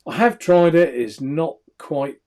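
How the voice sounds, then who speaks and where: A man's voice: fairly high pitch, slow pace, a little mellow. A man co-hosting a casual live vape show, reading out viewer comments and laughing often. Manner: chatty, laughs often, trails off into mumbles.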